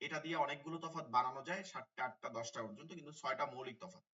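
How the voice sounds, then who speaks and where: A man's voice: medium pitch, rapid-fire, pushed and bright, recorded from a distance, muffled recording. A man teaching an online tajweed class, repeating key terms and asking his students questions. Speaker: Quran teacher.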